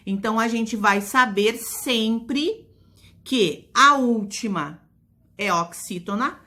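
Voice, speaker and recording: A woman with a Brazilian Portuguese accent, teaching a recorded lesson for young children and slowly drawing out stressed syllables. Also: a little high, sharp tone. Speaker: primary school teacher.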